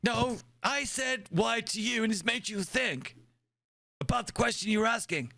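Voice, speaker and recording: Guy doing a cranky old american admiral, higher pitched, cusses a lot, dry room. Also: moderate pace, bright, forceful tone, no room sound, exaggerated voice. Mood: stubborn. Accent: American put-on. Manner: gruff, cursing, cantankerous. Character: grumpy old male starship admiral, doctor.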